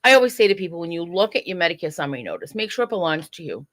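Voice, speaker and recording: A woman's voice: on the low side, very animated, very fast, fairly bright tone. A woman who is a guest on a podcast, earnestly advising listeners in casual interview talk. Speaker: guest program director.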